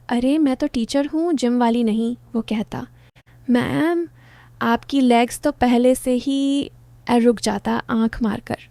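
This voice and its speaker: A woman narrating a first-person story in short, clipped sentences with a plain, even delivery. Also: on the high side, dry recording.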